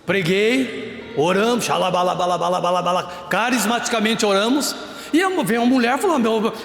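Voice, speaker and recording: A man preaching a lively sermon at a youth prayer group, acting out stories and breaking into shouts. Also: high-pitched, brisk, vocal fry. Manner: animated, breaks into shouts and acts out scenes. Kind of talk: lively evangelical sermon with storytelling. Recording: echoey hall with faint music.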